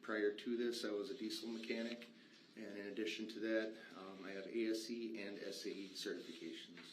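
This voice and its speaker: Low, flat-voiced man testifying. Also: brisk. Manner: matter-of-fact, explanatory. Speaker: witness, state patrol vehicle inspector. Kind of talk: formal testimony. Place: courtroom. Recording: echoey courtroom, faint noise.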